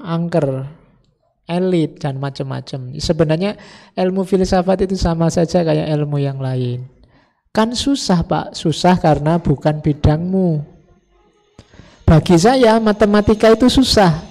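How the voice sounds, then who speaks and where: A man's voice: a little high, creaky, mellow. A man giving an informal philosophy lecture, explaining with folksy jokes and acted quotes. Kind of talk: informal religious study lecture.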